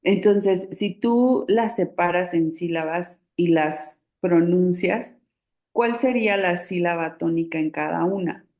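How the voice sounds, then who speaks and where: A woman with a Mexican Spanish accent leads an online class over a video call, walking through each rule patiently. Her voice sits a little low and she pauses with many fillers. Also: darkish tone. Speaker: writing instructor. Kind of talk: online class teaching spelling rules.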